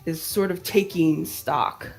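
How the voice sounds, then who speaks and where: A woman's voice: deep voice, takes it slowly, vocal fry, a little mellow, soft background music, low-quality recording. A woman narrating a tabletop role-playing game as game master, in casual, descriptive speech.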